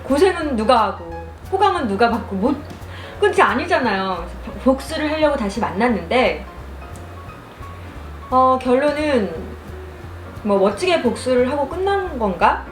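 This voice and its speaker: A young adult woman telling a story casually over food and drink, chewing while talking and speaking in an animated storyteller's manner. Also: high voice, normal speed. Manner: animated storytelling, acts out quoted lines. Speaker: mukbang vlogger. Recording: roomy echo, music behind.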